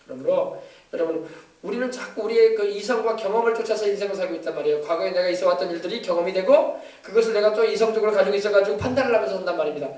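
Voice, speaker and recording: Korean-church style pastor guy preaching fast and emphatic, high voice, echoey hall, kinda far from the mic. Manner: emphatic, exhorting, switching between loud commands and soft asides. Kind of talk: sermon. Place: church sanctuary.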